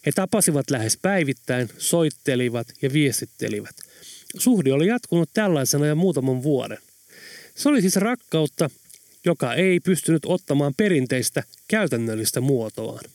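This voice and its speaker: A man narrates an audiobook in a steady, measured way. His voice sits a little high for a man. The recording is dry and close. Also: no room sound.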